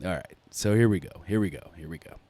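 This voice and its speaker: A man who is a native English speaker hosts a casual chat in a deep, smooth, low magnetic voice, with an informal, familiar way of talking. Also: fast talker, mellow. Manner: informal, familiar, addresses others as man and bro. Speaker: host.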